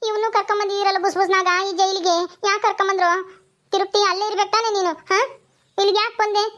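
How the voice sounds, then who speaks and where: A woman's voice: very high-pitched, little pitch movement, fast talker, fairly bright tone. A woman voicing a stubborn, quarrelsome old grandmother in a cartoon comedy, scolding and defiant. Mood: tender. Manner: scolding, defiant, ends lines with "haa?". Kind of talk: village cartoon comedy voice acting.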